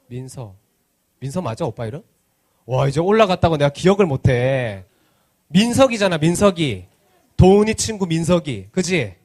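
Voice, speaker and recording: A male children's pastor leads a church kids' service in a fairly high, very animated voice. He banters and teases, throwing question after question at the children. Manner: playful, teasing banter with kids; asks the children many questions. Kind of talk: interactive children's sermon.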